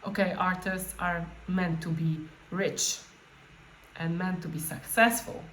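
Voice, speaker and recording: A woman coach leading an informal guided meditation, speaking off the cuff in a halting way and often rephrasing herself. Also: on the low side, steady tone, a bit bright. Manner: halting, spontaneous, with repeated words and rephrasing. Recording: echoey room with faint background noise.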